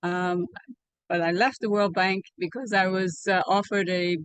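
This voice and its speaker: An older woman from Liberia, recounting her past in an oral history interview over a video call, speaking in a measured way with many fillers. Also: on the low side, fairly even intonation, clear, resonant tone, no room sound. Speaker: interviewee, alumna. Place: home room, indoors. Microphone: video call webcam.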